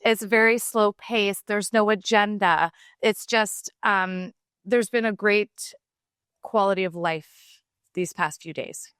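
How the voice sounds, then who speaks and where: A woman from Canada, a podcast guest, speaking in a warm, easygoing way. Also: mid-range voice, fairly even intonation, takes it slowly, smooth, no room sound, studio quality. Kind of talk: casual podcast conversation.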